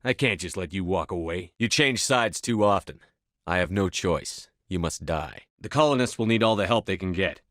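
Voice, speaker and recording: A man's voice: sits low, animated, normal speed, fairly bright tone, no echo, studio quality. A man voicing a resolute military space commander in a video game, speaking in a terse, controlled, authoritative manner. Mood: cold, blunt. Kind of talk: video game dialogue acting.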